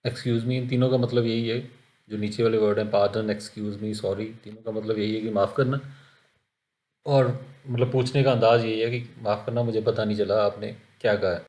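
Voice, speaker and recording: A man with an Indian accent teaching a spoken-English lesson, explaining with examples in a steady, patient way. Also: fairly low pitch, moderate pace.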